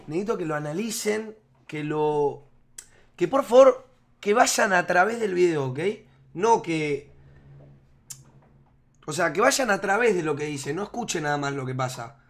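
Emotional high-voiced Argentine streamer. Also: male voice, expressive, unhurried, long pauses. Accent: Rioplatense Argentine. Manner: emotional, repetitive, keeps saying "amigo" and "boludo". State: holding back tears. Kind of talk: heartfelt talk to viewers.

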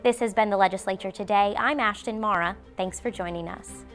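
A woman's voice: medium pitch, a little fast, a bit bright, soft background music. Young woman anchoring a studio newscast. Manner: crisp, formal. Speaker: news anchor. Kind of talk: news presenting.

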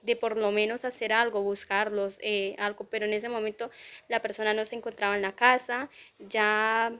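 Indignant woman with a flat voice. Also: mid-range voice, moderate pace, smooth. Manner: indignant, repetitive complaint. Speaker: burglary victim. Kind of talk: news interview testimony. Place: outdoors near a drainage channel.

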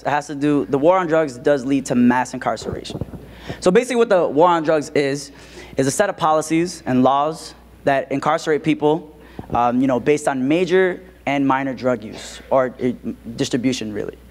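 Man, co-presenter, student talk, steady explanatory delivery, frequent fillers. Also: mid-range voice, normal speed, a little hiss or hum. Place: school auditorium.

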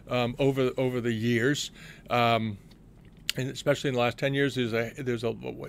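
A man's voice: mid-range voice, vocal fry. A middle-aged man hosting an antiques show, talking casually through auction results with many fillers and restarts.

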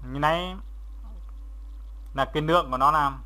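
A fairly high-pitched man instructs viewers through a software tutorial, pausing and repeating steps in a halting, step-by-step narration.

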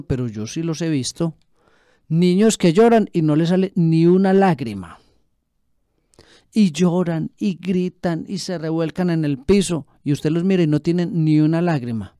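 A man's voice: fairly high pitch, dark tone, clean tone, no room sound, clean studio sound. A man preaching a sermon as a pastor, asking rhetorical questions and repeating phrases for emphasis.

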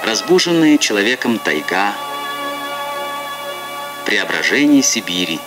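A man's voice: fairly low pitch, big pitch swings, measured pace. A man narrating an old Soviet newsreel in a solemn, declamatory, scripted way, on a 1960s film soundtrack. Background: music.

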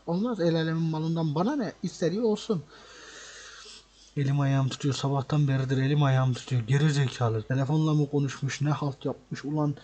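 A man's voice: on the high side, dark tone, slight background noise. A man hosting a truck-game role-play, ranting angrily, swearing and repeating himself out of frustration. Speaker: gaming channel host. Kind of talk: role-play gameplay commentary.

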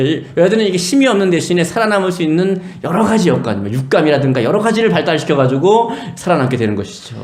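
Animated male pastor in an echoey church. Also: a little high. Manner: storytelling, acting out voices of biblical figures. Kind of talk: sermon. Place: church sanctuary.

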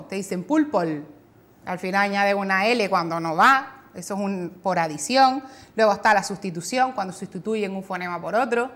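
Spanish speech therapist explaining patiently. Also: female voice, mid-range voice, fairly bright tone. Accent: Canary Islands Spanish. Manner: patient explanatory tone, demonstrating mispronunciations. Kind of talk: explanatory talk-show segment.

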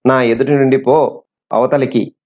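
A man's voice: mid-range voice, steady tone, a little slow. A man voicing a defiant young captive princess who speaks with scorn, on a dull lo-fi recording.

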